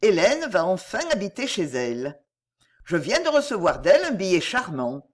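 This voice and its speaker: A gracious elderly aunt, voiced by a woman reader in a storybook, speaks in courteous, measured sentences. Her pitch rises and falls with plenty of movement. She sounds formal but kindly. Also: very animated.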